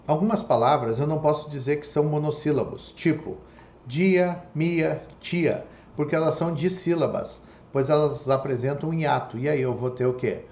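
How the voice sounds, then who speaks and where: The speaker is a man teaching Portuguese online at a moderate pace, with a fairly high pitch and darkish tone. He explains things step by step and frequently asks "tá?" or "ok?" to check comprehension. The recording has room echo and faint noise behind him.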